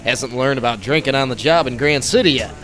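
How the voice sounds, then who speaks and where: An actor playing a young, grave masked vigilante who poses as a bartender, in a theatrical 1920s radio drama style. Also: male voice, mid-range voice, fairly quick, slight background noise, lightly acted. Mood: affable, probing. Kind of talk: 1920s old-time radio drama acting. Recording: loud music under the voice.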